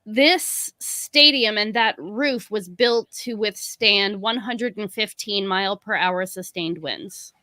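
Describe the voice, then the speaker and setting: Chatty woman cohost, new york born tampa raised, bright voice, lots of "like" and "you know". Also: mid-range voice, slow, few pauses, no echo, studio quality. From born in New York City, raised in the Tampa area. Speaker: podcast co-host. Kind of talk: casual chat about baseball.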